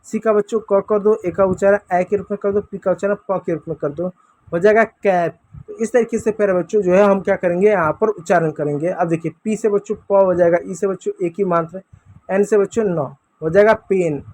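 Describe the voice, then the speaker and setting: A man's voice: high voice, steady tone, brisk, darkish tone, no echo. A man teaches young children. He repeats each step patiently and calls the kids again and again. The recording is dry and close, with no room sound. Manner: patient, repetitive drilling, often addresses the kids as "बच्चों". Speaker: English teacher. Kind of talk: classroom lesson for children.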